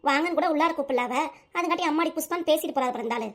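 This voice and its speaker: A woman voicing a sharp-tongued, sarcastic middle-aged village mother in a cartoon family drama. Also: sits high, racing. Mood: grumbling. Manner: sarcastic, complaining.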